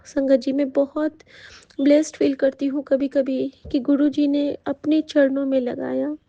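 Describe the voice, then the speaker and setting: High, flat-voiced woman giving devotional testimony. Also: a little slow, gravelly, no echo, lo-fi sound. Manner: heartfelt, hesitant with many fillers. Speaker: devotee sharing a satsang testimony. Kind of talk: devotional testimony, addressing the sangat.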